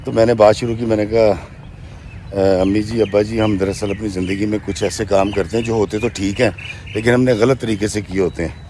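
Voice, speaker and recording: Mellow-voiced male storyteller, unhurried. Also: lowish voice, fairly even intonation, slight background noise. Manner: retells a woman's account in first person, often inserting "she says"; addresses listeners directly as friends. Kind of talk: narrating a true story to viewers.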